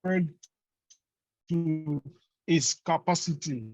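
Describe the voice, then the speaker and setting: Brief: man lecturing on a video call with choppy, cutting-out audio, high voice, dry and muffled. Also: darkish tone, no echo. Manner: halting, with many fillers and restarts. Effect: choppy, breaking video call audio. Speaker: course lecturer. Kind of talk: online lecture. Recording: dull lo-fi call audio, faint music.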